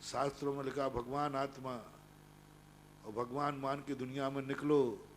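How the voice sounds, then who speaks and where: A man, a Jain monk, giving a sermon as emphatic storytelling that swings between hushed and loud. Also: medium pitch, little pitch movement, normal speed, a little hiss or hum.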